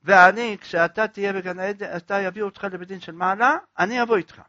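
Earnest old rabbi, pleading and emphatic, bright and raised, as a preacher puts him on; dull, dry recording. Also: male voice, high-pitched, fairly even intonation, dry recording, voice pushed up. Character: earnest old male rabbi reassuring a penitent.

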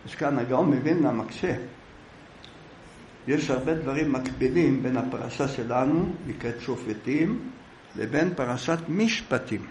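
A man giving a storytelling sermon on the weekly Torah portion, as an animated storyteller. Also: medium pitch, reverberant, slight background noise, low-quality recording. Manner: animated storyteller, shifting into character voices. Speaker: preacher.

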